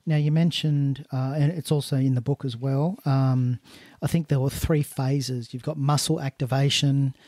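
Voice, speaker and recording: A man's voice: mid-range voice, steady tone, moderate pace, a little mellow, no echo. A man hosting a casual interview, asking questions tentatively and rephrasing them as he goes. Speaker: podcast host.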